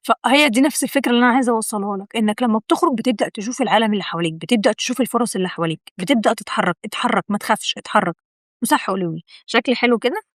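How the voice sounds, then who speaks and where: A young Egyptian woman talks straight to her viewers in a rapid, encouraging pep talk, her voice sitting a touch high. She repeats key words for emphasis and keeps it chatty and direct. The sound is close and dry, with no room around it. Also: no echo. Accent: Egyptian Arabic. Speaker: video host. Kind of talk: motivational talk to camera.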